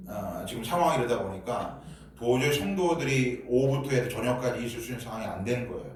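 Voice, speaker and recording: Speaking fast with a mid-range voice and lively intonation, this Seoul-born guest pastor in his fifties blends Gyeongsang dialect into his Seoul speech. His sermon is funny and conversational, full of jokes with the congregation. It was captured at a distance in a church sanctuary with heavy echo.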